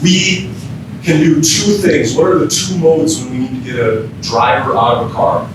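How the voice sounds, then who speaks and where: Speaking at a steady, normal pace, this man is an American emergency physician from Minnesota delivering a casual keynote training talk to firefighters and frequently posing questions to them. A distant mic picks him up in a very echoey room full of rumbling noise.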